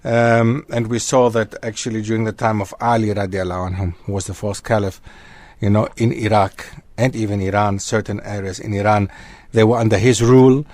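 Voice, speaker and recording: A man who grew up in Germany, a guest historian on a radio talk show, lecturing in an animated way that wanders from point to point. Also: fairly low pitch, fairly quick, few pauses. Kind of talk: radio discussion. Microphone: studio microphone.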